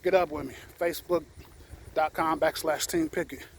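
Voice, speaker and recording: A man's voice: fairly high pitch, fairly even intonation, normal speed, creaky, slight background noise. A man talking frankly and with some profanity in a casual monologue, slightly out of breath while walking outdoors. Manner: frank, profane, opinionated storytelling. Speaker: vlogger.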